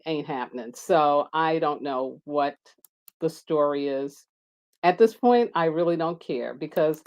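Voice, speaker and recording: Her microphone sits on the table as a low-pitched woman chats casually on a live stream about astrology. She's warm and loose with her viewers, speaking loudly, laughing frequently and jumping high whenever she gets excited.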